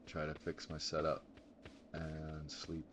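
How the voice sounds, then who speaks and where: A man's voice: extremely low pitch, monotone, slow pace, noisy background. A man streaming a game live, rambling casually and thinking aloud with sudden exclamations. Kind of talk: casual gameplay commentary.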